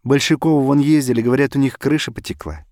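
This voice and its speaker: A man's voice: mid-range voice, fairly even intonation, quick pace, darkish tone, no room sound, clean studio sound, voice pushed up, close to an everyday voice. A man voicing a polite but grudging young wife who grumbles about her plans. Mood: grumbling. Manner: polite, then sulky grumbling. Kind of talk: audiobook character voice.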